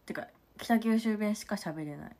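A woman's voice: medium pitch, normal speed, warm tone. A young woman from Nagano chatting casually on a livestream and thanking viewers for their comments between stories. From Nagano, Japan. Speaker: idol livestream host.

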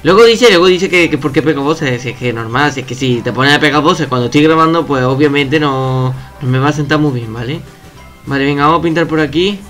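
This is a young man narrating his own online match from home, his voice bright and sharp, pitched a touch high for a man. He jumps between chatter and yelps, swearing at whoever gets him. Faint game music runs under his voice. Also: fairly quick. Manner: excitable, swears and shouts at opponents. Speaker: gaming youtuber. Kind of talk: casual gameplay commentary.

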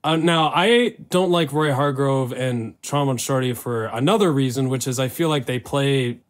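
A man hosts a loose, casual conversation. He rambles and stresses his opinions hard, with plenty of fillers and the occasional swear word. His voice sits at an ordinary middle pitch. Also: normal speed, clean tone. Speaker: podcast host. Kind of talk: casual chat.

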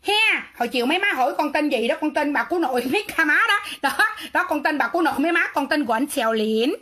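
A woman with a Southern Vietnamese accent ranting into her livestream, her voice very high and piercingly bright. She sounds defiant and sarcastic, and she keeps talking back in a quarrelsome way. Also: lively intonation, fast talker, a little hiss or hum. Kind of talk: livestream rant.

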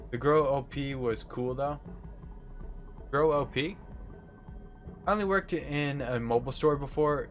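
Young American male streamer, mid-pitched, casual live chat during play, faint music behind. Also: fairly bright tone. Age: young adult. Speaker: game streamer. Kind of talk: casual chat while playing, replying to viewers. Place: indoor room at a desk. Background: faint game music.

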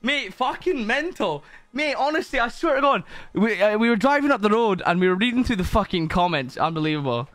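A man's voice: sits high, expressive, brisk, few pauses, fairly bright tone, dry recording, faint music behind. A man chatting casually to his viewers on a live stream, swearing often and greeting people by name.

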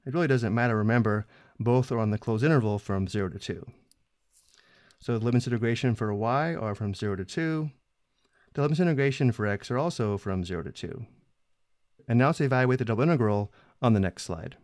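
A man explaining a math problem step by step in a screencast lesson, steady and methodical. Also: medium pitch, fairly quick, dry recording, clean studio sound. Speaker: math instructor.

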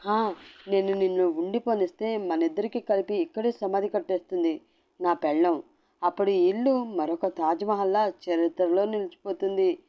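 A woman's voice: medium pitch, normal speed, mellow, natural voice. A woman voicing a harried young husband who pleads with growing exasperation in a storybook reading. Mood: pleading.

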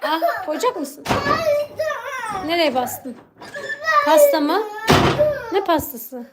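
A woman's voice: high-pitched, very animated, slow. A woman filming a home vlog, coaxing and soothing her crying children while talking to viewers. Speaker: mother and channel host. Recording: loud background noise.

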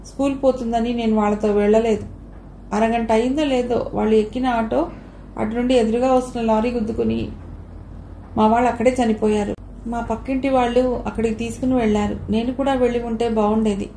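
Storybook: a woman reading a tearful orphan boy, earnest plea, bright pitch, echoey room. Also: steady tone, a little fast, slight background noise, lightly acted. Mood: pleading. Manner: pleading, earnest. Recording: roomy echo.

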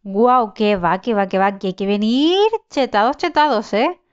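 A woman's voice: medium pitch, animated, moderate pace, clean tone, highs cut off. A young woman commenting casually on her survival game, chatty, swearing and exclaiming as she plays. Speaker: gaming channel host. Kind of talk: casual let's-play commentary.

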